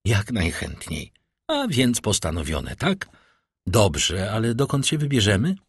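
A man reading an audiobook, voicing an eager, impulsive young nobleman with a husky voice. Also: fairly low pitch, huge pitch swings, measured pace, no echo, clean studio sound, full character voice.

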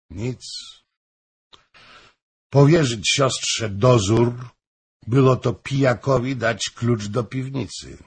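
Slow, gravelly male storyteller. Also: on the low side. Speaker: audiobook narrator. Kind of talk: scripted narration of a historical novel.

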